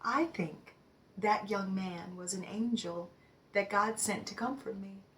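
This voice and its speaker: A devout older mother tells her story very slowly and reflectively, played by a woman in a stage read-through. Her voice sits at a mid pitch and sometimes sinks into a soft whisper. It is a measured, heartfelt dramatic monologue. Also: a little hiss or hum. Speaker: actor reading a monologue.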